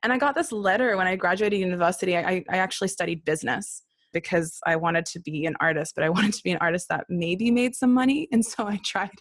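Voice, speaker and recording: This woman speaks fast in a fairly low voice, heard in a studio-quality, echo-free recording. She's an Australian-born singer-songwriter, raised in Israel and Brisbane, appearing as a podcast guest and candidly, casually recounting her personal stories.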